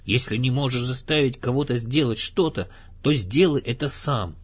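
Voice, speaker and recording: Brief: man playing a gentle anxious storybook bear, higher and breathy. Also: normal speed, lightly acted. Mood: earnest. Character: small earnest male teddy bear, kind and fretful.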